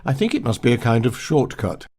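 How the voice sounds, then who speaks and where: A man's voice: mid-range voice, very animated, fairly quick, vocal fry, darkish tone, slightly rough. Wry older man reading his memoir. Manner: wry, pernickety, mimics pronunciations. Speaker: author narrating his memoir.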